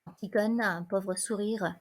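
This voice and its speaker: A woman reads the stage directions of a play in an even, measured voice. Her delivery is plain and steady, meant for listeners following along with the text. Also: medium pitch. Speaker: reader. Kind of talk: scripted reading of a play.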